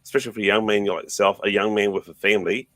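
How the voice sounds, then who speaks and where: A man's voice: lowish voice, fairly even intonation, rapid-fire, a bit bright, dry recording. A man with a broad New Zealand accent hosting a podcast in casual, matey, slangy chat. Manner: blokey, matey, slangy address. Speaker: podcast host.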